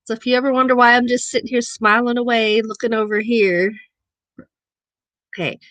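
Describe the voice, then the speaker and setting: Speaking at a normal speed with fairly even intonation, this livestream host from southern Missouri has a somewhat high, fairly bright voice and a southern Missouri accent. The recording is dry as she chats with viewers and reads their messages aloud.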